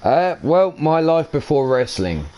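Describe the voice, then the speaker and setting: A man's voice: a little high, sing-song, a little slow, mellow. A man with a brash, profane manner, answering an in-character interview as a wrestler and chuckling now and then.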